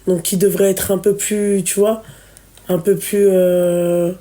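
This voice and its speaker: A woman's voice: fairly low pitch, little pitch movement, takes it slowly, warm tone. Shocked woman swearing in chat. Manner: swears, reacts with shock, stumbles over words. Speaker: friend listening. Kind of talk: casual chat.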